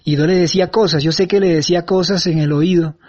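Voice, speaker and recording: A man giving a first-person eyewitness account, halting and earnest, with frequent restarts. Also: on the high side, fairly even intonation, darkish tone. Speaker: eyewitness recounting an event. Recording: dull lo-fi sound.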